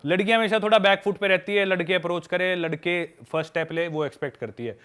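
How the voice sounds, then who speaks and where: In a high, clear, resonant voice and at a fast clip, a young man recounts his travels as a podcast guest. He makes travel videos, and his chat is casual, lively, and frank, with frequent calls to the listener of "brother."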